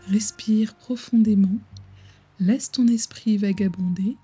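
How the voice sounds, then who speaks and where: A woman narrating a bedtime story slowly and soothingly, soft and breathy, in a hushed voice close to the listener's ear. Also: medium pitch.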